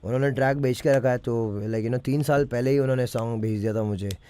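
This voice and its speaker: A man's voice: mid-range voice, steady tone, brisk, mellow, clean tone. A man, breaking down his own rap lyrics in a casual way and often checking that the listener follows. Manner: keeps checking the listener understands, mixes English phrases into Hindi. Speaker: rapper explaining his lyrics.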